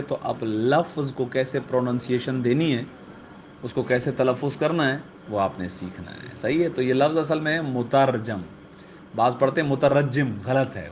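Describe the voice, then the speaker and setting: A man's voice: mid-range voice, slight background noise. A man, a religious teacher giving a classroom grammar lesson who keeps checking in with his students.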